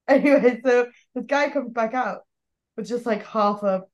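A woman's voice: on the high side, unhurried, lo-fi sound. A woman co-hosting a casual podcast, telling a story with lots of "like" and bursts of laughter. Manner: chatty storytelling, heavy use of "like", frequent laughter. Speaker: podcast co-host. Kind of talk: casual chat.

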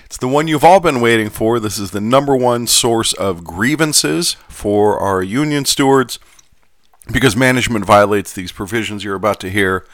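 Low-voiced casual man hosting a podcast. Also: fairly bright tone, no echo, studio quality. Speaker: podcast host.

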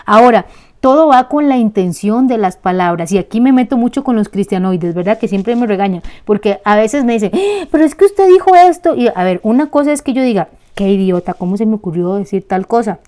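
A Costa Rican woman hosting a casual spiritual talk, blunt, colloquial and animated. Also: medium pitch, brisk.

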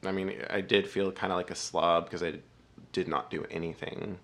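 Guesting on a podcast, a man with a deep voice talks casually at a normal pace. His speech is halting and filler-heavy, and he cracks jokes with a deadpan delivery.

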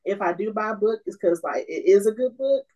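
A woman's voice: mid-range voice, expressive, brisk, mellow, rough recording. Laid-back woman hosting a podcast. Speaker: podcast host. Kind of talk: casual podcast chat.

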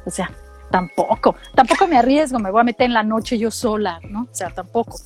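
A middle-aged woman from Mexico with a Mexican accent, telling animated, slangy stories in casual chat and acting out what people said. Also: a little high, fairly quick, faint music behind. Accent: Mexican Spanish. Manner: animated storytelling, slangy, acts out quotes.

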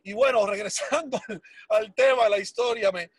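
A motivational speaker for a sales business speaks with a high-sitting, slightly rough voice at normal speed, recorded dry. His speech is emotional and emphatic, full of repeated words for force and scattered English phrases.

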